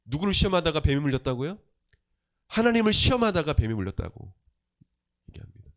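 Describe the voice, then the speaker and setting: A man preaching a Sunday sermon in a fairly high, lively voice that climbs and falls. He presses his point with rhetorical questions, swinging from forceful emphasis to low, quiet asides. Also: fast talker. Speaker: pastor.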